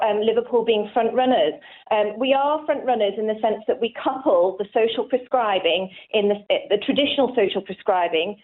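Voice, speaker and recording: Woman doctor on a thin phone-like line. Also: mid-range voice. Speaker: GP being interviewed. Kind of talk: radio interview, explaining.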